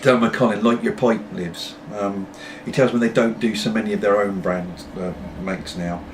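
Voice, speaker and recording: A man's voice: fairly low pitch, fairly even intonation, moderate pace. British male vlogger, middle-aged, meandering pipe-in-mouth chat, off-mic and noisy home recording. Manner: talking while puffing on a pipe; meandering, apologetic asides. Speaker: pipe-smoking video blogger. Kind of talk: casual rambling chat to camera. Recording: distant mic, clearly noisy background.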